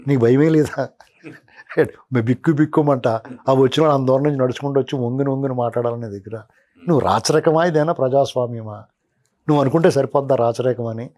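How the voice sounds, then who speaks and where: A man's voice: medium pitch, fast, mellow. A middle-aged man, a political analyst, giving heated commentary in an interview, rhetorically scolding a politician as "you".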